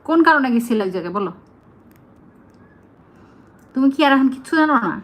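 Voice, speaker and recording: A woman's voice: high voice, expressive, normal speed, poor audio. A woman, talking casually to her pet bird, scolding it and then coaxing it in a sing-song voice. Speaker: pet owner.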